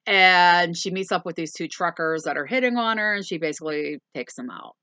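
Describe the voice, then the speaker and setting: A woman's voice: fairly low pitch, a little fast, pushed and bright, clear, resonant tone, no echo. A woman co-hosting a movie review, casually summarizing the plot in a rambling way with lots of ums. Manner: rambling, with frequent ums and plain swearing.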